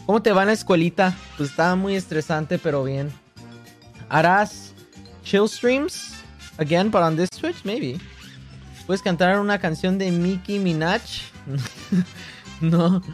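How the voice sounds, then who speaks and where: A man livestreaming late at night, reading chat aloud and joking back in a relaxed, casual way, switching between Spanish and English. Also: high-pitched, slow pace, long pauses, soft background music.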